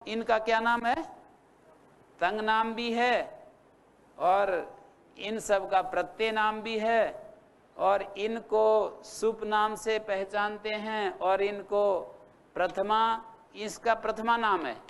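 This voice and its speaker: Slow, high-voiced man teaching grammar. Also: fairly even intonation, a bit bright, clean tone. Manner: patient, drills students with questions and repetition; spells out word forms slowly. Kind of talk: classroom lecture.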